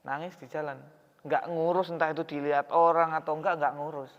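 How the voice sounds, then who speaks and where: Brisk and fairly high-pitched, with little movement in pitch, this man preaches in a mosque hall. He talks conversationally and asks the congregation questions. The audio is dull and reverberant.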